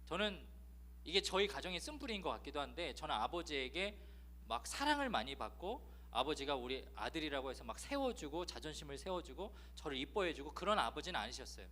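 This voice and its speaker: Man, pastor, sermon, confessional storytelling, wide-ranging pitch, bright tone. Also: very animated, a little fast. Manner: acts out scolding voices in his story.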